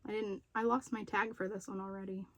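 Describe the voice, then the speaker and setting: A woman vlogger chatting casually as she shows her craft projects, slightly out of breath after being sick and pausing to recall details. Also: medium pitch, flat delivery, gravelly, dry recording. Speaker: crochet and knitting vlogger. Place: room at home with poor lighting.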